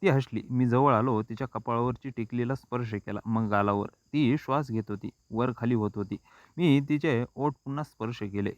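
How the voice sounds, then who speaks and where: A man's voice: medium pitch, no echo. Male storyteller, scripted first-person narration, intimate and reflective, dry muffled recording.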